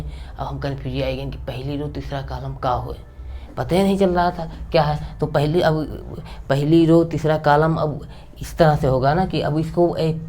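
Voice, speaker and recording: A man's voice: on the high side, a little mellow, a little hiss or hum. A young male math teacher giving a casual lesson at the board. He talks in a chatty, repetitive way, keeps checking that his students are following, and slips in jokes. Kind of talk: casual blackboard math lecture.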